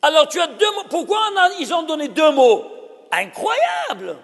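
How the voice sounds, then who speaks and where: A man teaching a Torah lesson as a rabbi, animated and exclaiming, often asking his audience questions. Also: very high voice, moderate pace, gravelly, big-room sound.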